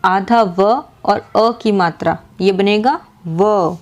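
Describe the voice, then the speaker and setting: Slow, patient woman teacher. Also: medium pitch. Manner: asks questions and repeats answers. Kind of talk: slow classroom explanation.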